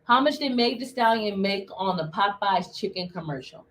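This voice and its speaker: A woman co-hosting a casual chat, animated and playful, telling stories with a lot of expression. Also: mid-range voice, normal speed. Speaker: podcast co-host.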